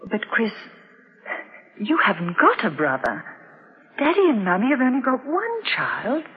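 A woman's voice: on the high side, huge pitch swings, a little slow, husky, exaggerated voice. An actress playing a worried young mother who narrates her story and talks hesitantly, breaking off mid-sentence, in a 1960s radio drama. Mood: anxious. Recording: dull lo-fi 1960s radio recording.

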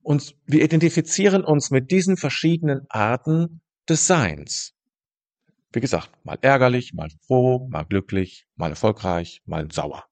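A man teaching about meditation in a calm, thoughtful way, speaking directly to the listener and pausing to rephrase his ideas. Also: mid-range voice. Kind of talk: reflective spoken teaching monologue.

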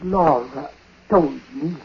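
An actor playing a dying, superstitious old uncle in a 1940s radio drama, speaking haltingly in short, weighty phrases. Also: male voice, a little high, creaky. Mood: ominous warning. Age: older. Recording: muffled, noisy 1940s radio recording.

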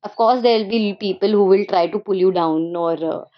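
A woman's voice: medium pitch, normal speed. Young North Indian woman, dull lo-fi audio. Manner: earnest, repeats phrases for emphasis, slips between English and Hindi. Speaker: interview guest. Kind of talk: casual conversational interview answers.

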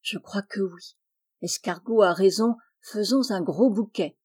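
A friendly, clever little bee from a children's storybook, voiced by a woman. She talks in a lively, confiding way with a warm, relaxed tone. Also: medium pitch, unhurried, husky. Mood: calm.

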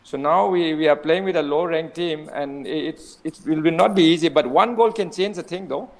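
A man's voice: on the high side, normal speed, creaky. A man with an Indian accent giving informal football analysis, emphatic and often repeating words and phrases. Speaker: football pundit.

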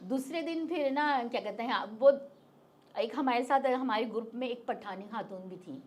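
Speaking at a moderate pace in a fairly high voice, a middle-aged woman appears as an interview guest and recounts something that happened to her. She tells it casually and in rich detail, acting out the quoted lines.

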